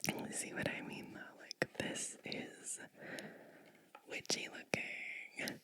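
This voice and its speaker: Reading a storybook in ASMR fashion, a woman whispers near the microphone in a breathy, gentle hush. The pace stays slow, and she drops in chatty asides along the way.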